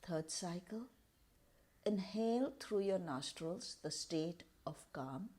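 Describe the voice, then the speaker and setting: Speaking in a lowish register, this woman leads a guided meditation. Her short phrases come slowly and deliberately, separated by calm pauses.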